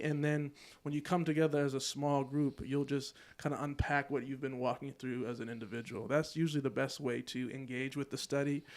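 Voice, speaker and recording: A man co-hosting a church podcast, explaining a study in a thoughtful, steady way. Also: medium pitch. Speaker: podcast co-host. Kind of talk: podcast discussion.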